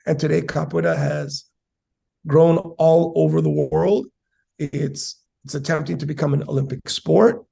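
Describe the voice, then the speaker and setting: Gravelly, slightly high man in his forties from San Diego, a guest who explains things with an academic manner and many fillers. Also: fairly even intonation, unhurried, dark tone. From South San Diego, USA. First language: Spanish and English. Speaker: capoeira master, guest. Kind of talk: casual interview answers.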